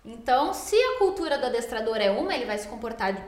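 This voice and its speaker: A woman's voice: on the high side, big pitch swings, quick pace. A woman dog trainer explaining behaviour in a podcast, teaching patiently and ending points with tag questions. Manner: didactic, frequent tag questions. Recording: roomy echoey studio room.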